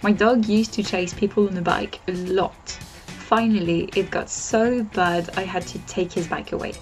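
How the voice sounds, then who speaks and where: A woman's voice: medium pitch, steady tone, unhurried, a little mellow, soft background music. A woman telling a pun and earnestly over-explaining it. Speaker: guest comedian. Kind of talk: deadpan joke explaining.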